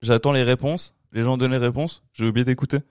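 A man's voice: mid-range voice, fairly even intonation, fast, a little mellow, smooth, no room sound. Young Swiss French man, podcast host, chatty and joking, dry close sound. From Switzerland. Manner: joking, chatty, laughs often. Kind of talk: casual podcast chat. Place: hotel room.

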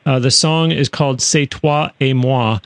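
A man's voice: mid-range voice, steady tone, unhurried, dry recording. A man hosting a radio interview show, recorded in a studio. He talks in a chatty way, with frequent fillers and restarts.

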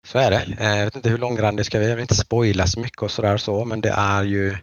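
A Nordic man with a lowish, level voice hosts a podcast, chatting casually and rambling with frequent halts and restarts. The recording is dry, dull and lo-fi.

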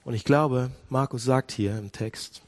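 A man preaching a sermon who swings between soft, low passages and loud, high ones, and asks the congregation direct questions. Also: measured pace.

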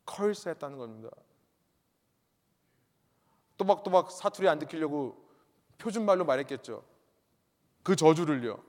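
A high-voiced male pastor gives a sermon, hammering his main points through repetition and putting rhetorical questions to his listeners. The long reverb of the church hall carries his voice.

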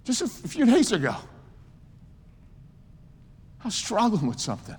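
A man's voice: sits high, huge pitch swings, moderate pace, a little mellow, breathy edge. A man in his sixties preaching a sermon with emphasis and joking asides. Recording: long hall reverb.

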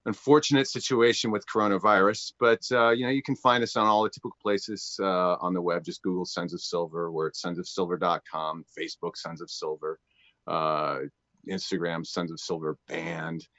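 A man's voice: low-pitched, little pitch movement, moderate pace, fairly bright tone, dry recording. A man from the Los Angeles area, a rock band frontman, talking about his band with dry humor in an interview. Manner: dry, wry humor, chatty. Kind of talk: interview chat. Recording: dry, slightly dull remote audio.

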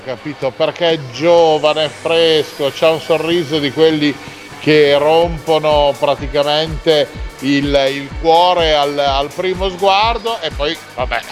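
Guy hosting a radio show, casual teasing chat, halting phrases, light music under him. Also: fairly high pitch. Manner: teasing, chatty, halting phrases with tag questions.

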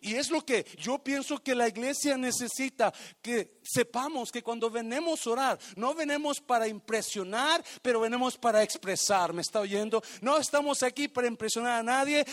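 Emphatic high-voiced male preacher. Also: normal speed, few pauses, fairly bright tone. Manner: emphatic, keeps asking if the congregation is listening. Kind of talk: sermon.

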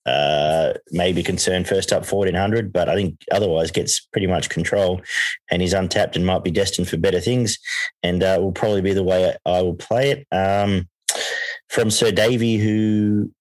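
A man's voice: sits low, steady tone, normal speed, a little mellow, dry recording, low-quality recording. An Australian man hosting a horse racing preview in a casual, conversational way, thinking aloud as he gives his tips. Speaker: horse racing podcast host and tipster.

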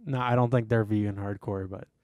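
A man's voice: lowish voice, fairly quick, dry recording, lo-fi sound. A young man co-hosting a podcast in casual chat, rambling with lots of fillers and swearing. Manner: rambling and animated, many fillers and curse words. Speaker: podcast co-host.

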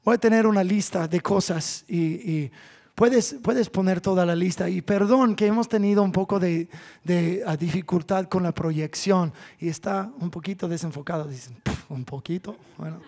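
Preaching in church, this pastor has a voice that sits high, and he shifts from long, loud pleas down to quiet side comments.

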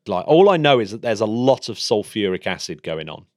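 A man's voice: lowish voice, big pitch swings, brisk, no echo, clean studio sound. A man in a casual science chat, hesitant and hedging, with many restarts. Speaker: podcast co-host.

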